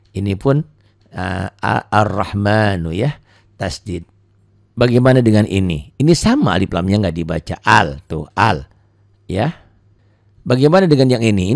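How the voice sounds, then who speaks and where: A man teaching Quran reading to beginners, posing questions and answering them himself, and drawing out each recited word slowly. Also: low voice, gravelly, a little mellow, no room sound, clean studio sound. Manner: asks and answers his own questions, stretches out recited words. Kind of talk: beginner tajwid lesson.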